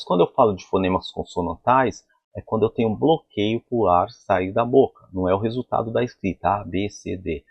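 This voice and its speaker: A man's voice: fairly low pitch, a little mellow, slightly rough, dry recording. A man teaching an English pronunciation lesson at a board, explaining sounds and asking the class rhetorical questions. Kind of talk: whiteboard phonetics lesson.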